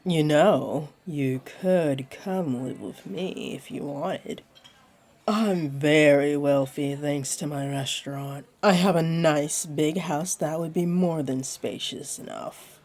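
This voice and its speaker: This roleplay audio features a woman as a teasing, soothing female jaguar beastling, flirty and comforting, with a deep, mellow voice. She takes it slowly in a heavily acted, flirty and tender performance.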